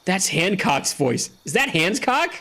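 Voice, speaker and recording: A man's voice: high voice, sing-song, measured pace, bright, forceful tone. A man giving casual, joking let's-play commentary while chatting with a friend. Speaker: gaming streamer.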